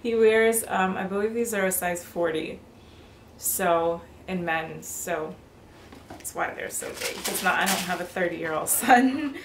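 In a room at home, a fashion vlogger in her thirties does a casual haul chat to camera, bubbly and quick to laugh, her voice lowish. A tripod-mounted camera picks her up from mid-distance in her bedroom or apartment, and the indoor recording is roomy and noisy.

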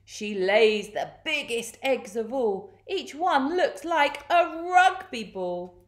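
A woman's voice: high-pitched, lively intonation, takes it slowly, voice pushed up. A woman voicing a wily, haughty goose who coaxes in a children's story. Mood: sly.

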